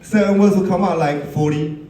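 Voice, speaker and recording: A man's voice: on the high side, brisk, over music. Joking best man in an echoey hall. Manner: teasing storyteller, laughs at his own jokes. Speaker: best man giving a wedding speech. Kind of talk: joking wedding speech. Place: wedding reception hall. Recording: echoey hall, mic at a distance.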